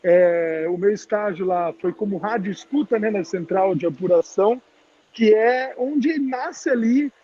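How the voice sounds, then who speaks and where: A high-voiced man speaks informally through a face mask. His voice is husky and muffled, and the video call sounds dull. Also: a little slow. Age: around 30. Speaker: guest speaker, TV journalist. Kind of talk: informal career talk to students. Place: public place, on a video call.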